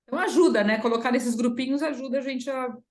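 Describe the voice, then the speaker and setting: A woman's voice: high-pitched, quick pace, darkish tone. Patient Brazilian woman teaching English. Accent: Brazilian Portuguese. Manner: patient, mixes English and Portuguese, drills pronunciation. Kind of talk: one-on-one language lesson. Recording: roomy echo.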